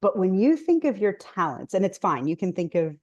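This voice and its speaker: A woman's voice: mid-range voice, sing-song, a little fast, a little mellow, no room sound, muffled recording. A woman hosting an interview over a video call, upbeat and promotional as she introduces her guest. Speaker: host.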